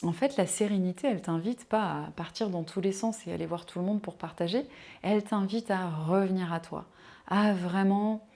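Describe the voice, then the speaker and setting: A woman's voice: mid-range voice, moderate pace, dark tone. A woman giving a casual spoken talk on personal growth as a coach, addressing the listener directly with many fillers.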